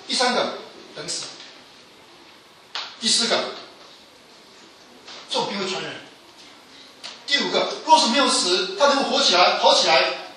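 A man's voice: far from the mic, noisy background. Man preaching in an echoey hall. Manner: emphatic, rising to loud pleas then dropping low. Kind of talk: sermon.

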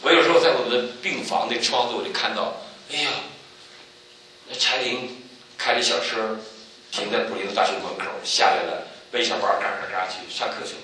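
A man giving a church testimony, telling stories with animated swings and loud exclaiming peaks. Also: lowish voice, a little fast, heavy reverb, recorded from a distance, slight background noise, rough recording. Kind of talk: sermon testimony.

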